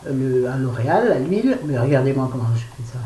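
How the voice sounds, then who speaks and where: A woman's voice: a bass voice, sing-song, a little fast, mellow, a little hiss or hum. A woman in her fifties chatting frankly to camera at home, rambling and self-mocking, stressed and irritable. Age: 50s. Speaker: vlogger. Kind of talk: casual unboxing chat to camera. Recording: echoey room with faint ambience.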